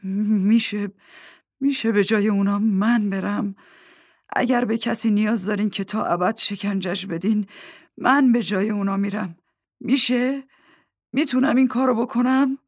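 A woman's voice: fairly low pitch, no echo, clean studio sound. A woman reading a distraught middle-aged father who stammers and begs through tears, in an audiobook. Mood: begging. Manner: stammering, desperate pleading. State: crying. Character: anguished middle-aged father pleading for his children. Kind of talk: audiobook character voice.

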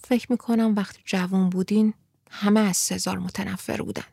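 Brief: earnest teen girl, sixteen, reflective, read by a woman narrator, gravelly edge, dry sound. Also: mid-range voice, dry recording. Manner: earnest, reflective, sometimes laughing softly. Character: serious thoughtful teenage girl, sixteen.

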